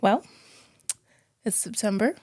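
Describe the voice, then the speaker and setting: A woman co-hosting a casual sports chat show, chatty and quick to laugh. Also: mid-range voice, expressive, a little mellow, no echo, clean studio sound. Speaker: co-host.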